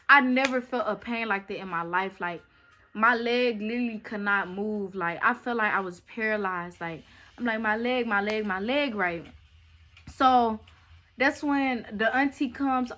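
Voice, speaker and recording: Bright-voiced young woman telling a storytime. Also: on the high side. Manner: chatty and animated, talks straight to viewers. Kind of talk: casual storytime chat.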